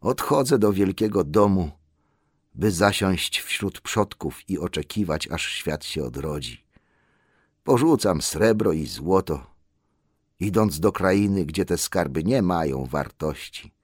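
A man voicing a dying male dwarf king in a storybook reading, quiet, grave and solemn. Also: deep voice, expressive, slow pace, husky, no room sound, studio quality, exaggerated voice. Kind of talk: audiobook character voice.

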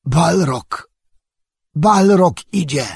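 A man's voice: on the high side, expressive, extremely slow, gravelly, darkish tone, breathy edge, dry recording, clean studio sound, pitched above the performer's own voice, full character voice. A man doing a terrified elf crying out.

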